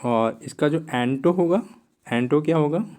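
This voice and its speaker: Slow-paced male Hindi vocabulary teacher. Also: fairly high pitch, a little mellow. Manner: slow, repeats words, frequent "है ना" tag questions; writes on a board while explaining. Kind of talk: exam vocabulary lesson.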